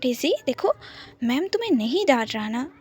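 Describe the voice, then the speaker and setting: A woman voicing a gentle young man who speaks softly and reassuringly in a storybook romance. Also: high-pitched, sing-song, moderate pace, slightly rough, exaggerated voice. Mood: soothing. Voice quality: soft, reassuring.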